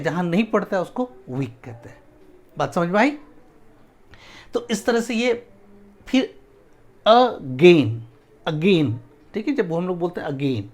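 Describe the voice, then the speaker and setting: Slow, lively teacher. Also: male voice, sits high. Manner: drills words syllable by syllable, slow repetitions; keeps checking if students follow. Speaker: English teacher. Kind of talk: spoken English lesson.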